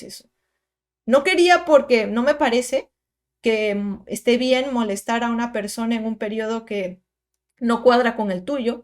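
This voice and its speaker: A young woman, her voice sitting a little high. She talks straight to her viewers in a casual storytime monologue. She is emphatic and chatty, and keeps adding asides and little tag questions. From Peru. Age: 20s. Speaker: content creator.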